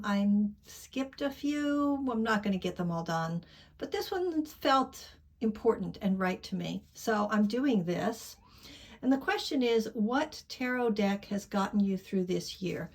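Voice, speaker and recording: Candid rambling woman tarot vlogger. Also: medium pitch. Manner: rambling, candid, trails off into soft asides. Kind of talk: casual chat.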